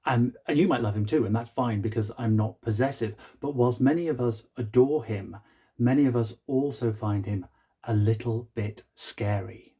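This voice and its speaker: A man presenting as an acting coach, speaking to viewers in an articulate, deliberate way with emphatic pauses. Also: medium pitch, warm tone, breathy edge. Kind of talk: scripted talk to camera promoting acting lessons.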